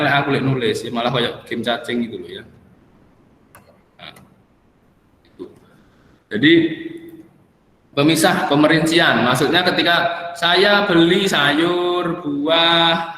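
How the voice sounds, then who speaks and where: Jokey tutor, echoey room. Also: male voice, medium pitch, sharp tone. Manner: chatty, jokey, with Javanese asides. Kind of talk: casual exam-prep lesson. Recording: echoey room with long reverb.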